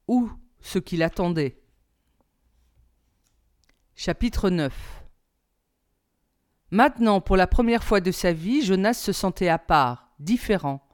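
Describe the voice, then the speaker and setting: A woman, a teacher, reading a novel aloud in a calm, even storybook narration. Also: mid-range voice.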